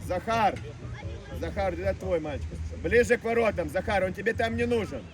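A man coaching a youth football team, shouting instructions and encouragement to players during a match on an outdoor pitch. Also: moderate pace. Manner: loud, urgent, encouraging shouts. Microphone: far camera. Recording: distant mic, crowd and noise behind.

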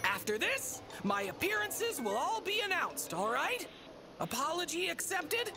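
A woman's voice: very high-pitched, big pitch swings, unhurried, gravelly, music in the background, heavily acted. A woman voicing a smug, mischievous stuffed rabbit creature in an anime video game, theatrical and teasing. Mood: flustered, placating. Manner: theatrical, teasing, riddling rhymes.

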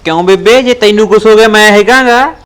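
A man's voice: high-pitched, brisk, a bit bright, smooth. A man with a Punjabi accent acting in a village family drama, reassuring his mother in an earnest way. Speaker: son talking to his mother.

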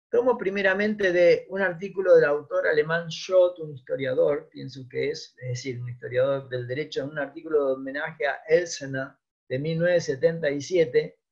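Hombre mayor argentino, voz algo aguda, grabación apagada. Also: male voice, a little high. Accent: Argentine Spanish. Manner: reads out quotations, pauses to recall, thinks aloud. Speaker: lecturer on law. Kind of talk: academic lecture. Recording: dull lo-fi online talk.

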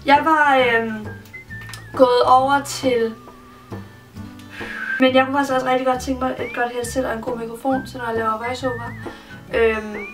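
A woman's voice: high voice, steady tone, long pauses, far from the mic. A young woman chatting casually in a home vlog, teasing her younger brother and humming bits of songs. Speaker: vlogger. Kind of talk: casual chat. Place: home bedroom. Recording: voice a bit off-mic with loud music behind.

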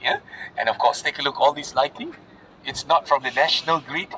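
A tour guide explains sights to a group as they walk through a public garden at night, often tossing in "yeah?" and "all right?" to check in. He speaks a little fast in a fairly high, animated voice that sounds pushed and bright, captured on a noisy outdoor phone recording.

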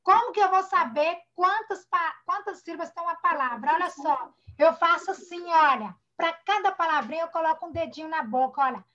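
A woman's voice: extremely high pitch, a little fast, hardly any pauses, bright, forceful tone. A woman teacher with a Brazilian accent, leading an online class for young children and patiently sounding out syllables. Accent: Brazilian Portuguese. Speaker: primary school teacher. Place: home, online video class. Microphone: computer or phone mic on a video call. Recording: dull lo-fi video-call audio.

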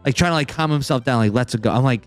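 A man hosting a casual roundtable chat, rambling and excitable, full of filler words. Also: mid-range voice, very fast, faint music behind. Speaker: podcast host.

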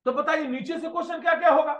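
A man's voice: very high voice, steady tone, racing, reverberant, highs cut off, pitched above the performer's own voice. A man voicing an eager young male student who keeps calling his teacher sir. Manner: eager, says sir a lot.

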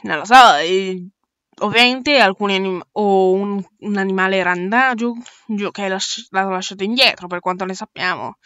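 A woman's voice: medium pitch, normal speed, a bit bright, clean tone, no echo, dull audio, lightly acted. A woman voicing a talkative young male space crewmate in an amateur audio drama, rambling and restarting mid-word.

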